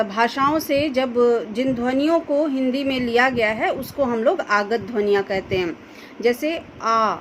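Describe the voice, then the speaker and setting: A woman teacher explaining a grammar lesson to students slowly, carefully pronouncing each example sound. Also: on the high side, slight background noise, poor audio. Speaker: school Hindi teacher.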